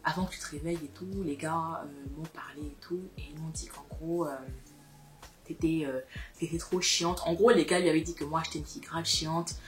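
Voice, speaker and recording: Lively young woman telling a story. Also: deep voice, fast talker, hardly any pauses, soft background music. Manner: animated, emphatic, repeats herself. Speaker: storytime vlogger. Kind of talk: casual storytelling to camera.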